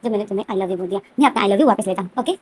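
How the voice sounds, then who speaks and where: A woman's voice: medium pitch, rapid-fire, darkish tone, slightly rough, natural voice. A woman voicing a flustered, defensive young man who is a new parent, protesting and pleading.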